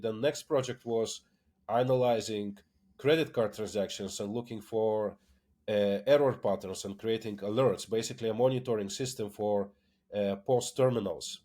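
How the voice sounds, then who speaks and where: Guy, deepish voice, keeps saying uh and repeating words, interview chat. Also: moderate pace, mellow. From Lithuania. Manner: hesitant, many fillers and repeated words. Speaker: tech company founder, guest. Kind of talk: casual interview conversation.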